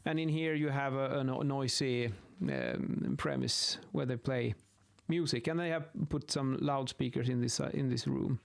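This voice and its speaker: His voice is mid-range and gravelly, carrying a Swedish accent; he is a man in his thirties who hosts videos and teaches acoustics. Sketching as he goes, he explains informally, haltingly repeating words. The recording comes from a close boom-arm studio mic in a small home office.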